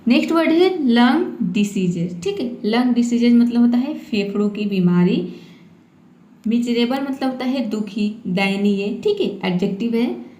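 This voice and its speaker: A woman who teaches English vocabulary in a patient manner. She spells out words and repeats them slowly, adding a steady "okay" after each point. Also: on the high side, reverberant. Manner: patient, repeats "ठीक है" often. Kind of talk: vocabulary lesson.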